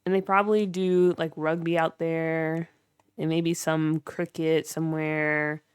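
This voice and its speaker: A woman's voice: low voice, flat delivery, measured pace, clear, resonant tone, no room sound. A young woman livestreaming, giving a chatty, filler-heavy tour of her game build and chatting with viewers. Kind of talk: casual livestream commentary while building in a game.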